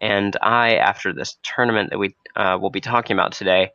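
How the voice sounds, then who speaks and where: A young man with a low, froggy voice, hoarse from a cold, hosts a podcast off the cuff. His delivery is casual and hesitant, with a bright, forward edge. The recording is close and dry. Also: fairly even intonation, fairly quick, no echo, muffled recording. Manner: hesitant, loosely unscripted. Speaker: podcast host. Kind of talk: casual, spontaneous podcast talk.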